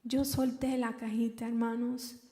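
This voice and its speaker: A young woman giving an emotional personal testimony in church, halting and repeating words as she recounts. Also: a little high, level tone, warm tone. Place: large church hall. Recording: reverberant church hall.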